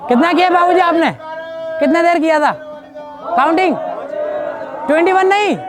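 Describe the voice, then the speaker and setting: A man's voice: extremely high pitch, moderate pace, a crowd in the background, noisy background. A man leading a yoga class in a public park, coaxing and repetitive, speaking straight to the participants. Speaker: yoga trainer. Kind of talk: instructing an outdoor yoga class.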